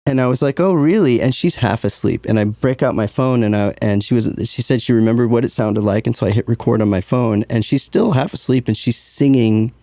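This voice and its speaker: An easygoing musician rambles through his stories in a relaxed interview chat. His voice is mellow and warm, middle in pitch. The sound is dry and close. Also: fairly quick, few pauses, no room sound. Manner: easygoing storyteller, loose and rambling. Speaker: musician guest.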